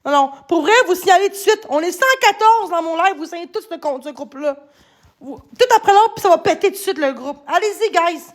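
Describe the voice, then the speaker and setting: A woman with a Québécois accent rants to her livestream viewers in a very high, piercing voice. She swears constantly and breaks into shouts, speaking into a phone. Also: expressive, fairly quick. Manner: ranting, heavy swearing, frequent shouting. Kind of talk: angry livestream rant.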